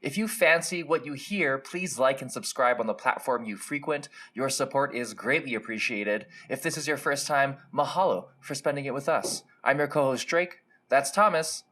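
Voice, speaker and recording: A man from Hawaii with a Hawaiian accent, co-hosting a casual podcast in a relaxed, friendly way with local slang. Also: medium pitch, moderate pace, few pauses. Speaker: co-host.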